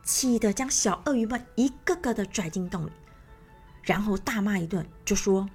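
A woman's voice: mid-range voice, moderate pace, a little mellow, husky. A woman narrating a children's story in a sing-song manner, speaking to young listeners. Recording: faint background music.

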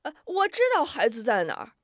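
A woman's voice: fairly high pitch, sing-song, a little fast, no echo, clean studio sound, pitched above the performer's own voice. A woman doing a stammering cowardly henchman. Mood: pleading, panicky. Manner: stammering, full of "uh" fillers.

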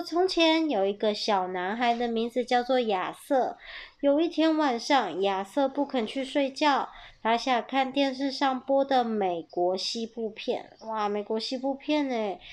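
A woman reads a picture book aloud to young listeners with playful, animated delivery. Her voice sits a little high, and she rises into loud bursts whenever a character shouts. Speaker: storyteller reading a picture book to children.

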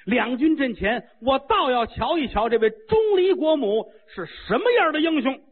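Haughty old immortal woman, slow and scolding, voiced by a male storyteller; husky, tinny radio sound. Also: very high voice, very animated, pitched above the performer's own voice, full character voice. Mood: stern. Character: elderly female Taoist immortal, stern and haughty.

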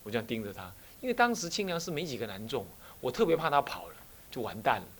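A man's voice: medium pitch, quick pace. A man with a Taiwanese Mandarin accent, a Buddhist abbot giving a dharma talk full of stories and rhetorical questions. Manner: animated storyteller, frequent rhetorical questions.

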